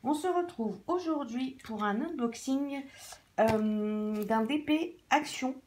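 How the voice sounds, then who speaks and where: A woman's voice: high voice, takes it slowly. A woman chatting casually as she unboxes a craft kit, rambling with many fillers, filmed on a phone indoors. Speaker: hobby vlogger. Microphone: phone camera. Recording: loud crinkling and handling noise.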